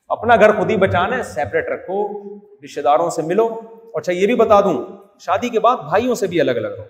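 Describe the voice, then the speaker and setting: A male religious scholar delivering a sermon, joking and scolding as he acts out family quarrels. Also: sits high. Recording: echoey hall.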